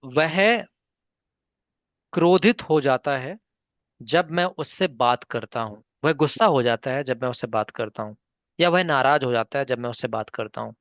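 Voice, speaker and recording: A man's voice: mid-range voice, expressive, measured pace, a bit bright, no room sound. A man teaches a spoken English class over an online call, patient and encouraging. He calls on learners by name and moves between Hindi and English. The audio is dull and lo-fi with a dry, close sound.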